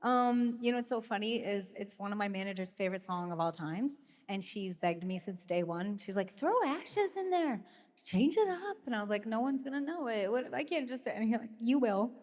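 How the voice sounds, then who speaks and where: Animated woman telling tour stories. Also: medium pitch, fairly quick, few pauses. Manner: animated, acts out quoted voices. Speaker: podcast co-host and singer. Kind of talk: casual podcast chat.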